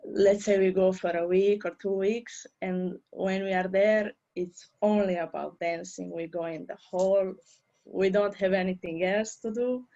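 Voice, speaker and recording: A woman's voice: medium pitch, fairly even intonation, unhurried, mellow, lo-fi sound. A woman, a dancer, answering interview questions in careful, English. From Hungary. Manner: speaks careful non-native English.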